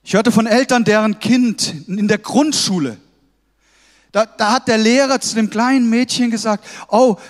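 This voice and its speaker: A man preaching a sermon to his congregation, emphatic and exhorting, often calling out "hey" to stir them. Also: sits high. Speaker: pastor. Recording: long hall reverb.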